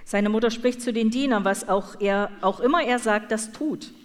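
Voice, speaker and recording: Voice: medium pitch, moderate pace. An interpreter rendering a sermon phrase by phrase, following closely with fillers and small restarts. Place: large church hall. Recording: reverberant church hall.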